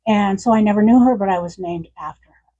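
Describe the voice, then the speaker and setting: A woman in her sixties tells stories and reads from her memoir to a bookstore audience, laughing now and then as she talks. Her voice is husky and slightly breathy. The recording is dull and lo-fi. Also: medium pitch, fast talker. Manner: warm storytelling with frequent laughs. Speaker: author. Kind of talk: reading from her memoir at a book event.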